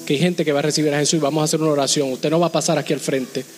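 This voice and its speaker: Pastor guy preaching hard, highish voice, big echoey hall. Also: steady tone, very fast. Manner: fervent preaching, urging the congregation. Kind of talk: sermon. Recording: long hall reverb with music behind.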